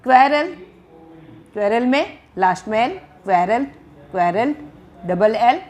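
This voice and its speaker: A woman teaches an English grammar lesson. Her voice sits a little high. She is patient, says every example word several times, and asks her students questions that she answers herself. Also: big pitch swings, takes it slowly, a little mellow. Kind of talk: Hindi-language grammar lesson.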